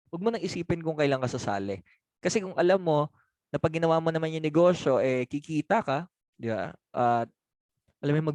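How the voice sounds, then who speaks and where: Male sales trainer, slightly high voice, dry close sound, chatty and questioning. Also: darkish tone, no room sound. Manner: conversational, laughs often, asks for agreement. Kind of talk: training talk answering objections.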